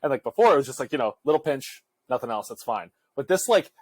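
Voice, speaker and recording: A man's voice: medium pitch, big pitch swings, fast. Chatty young man telling a rambling story. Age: young adult. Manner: rambling, filler-heavy storytelling with frequent laughs. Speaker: podcast co-host. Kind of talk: casual chat.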